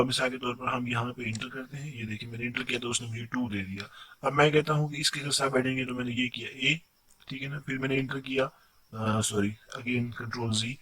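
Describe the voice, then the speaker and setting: A man giving a quick, explanatory screen-recorded software tutorial, often checking in with his viewers. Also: mid-range voice, husky, no echo. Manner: quick explanatory delivery with frequent "theek hai na" check-ins.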